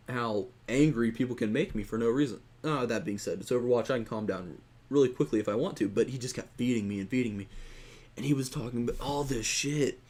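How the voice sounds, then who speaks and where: A man's voice: mid-range voice, a little mellow. A young man and gaming YouTuber, ranting in a rambling, exasperated way about an online match. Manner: rambling and exasperated, with frequent restarts and swearing. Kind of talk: casual gaming rant to camera.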